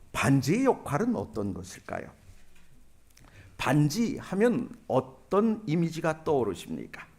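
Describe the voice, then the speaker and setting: Male pastor, sermon, animated pitch, asks questions of the pews. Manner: asks the congregation questions, storytelling. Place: church.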